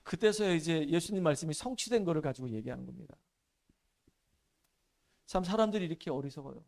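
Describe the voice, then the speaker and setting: High-voiced man preaching a lively sermon. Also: fairly quick, gravelly. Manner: animated storytelling, emphatic, dropping low for solemn points. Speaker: pastor. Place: church.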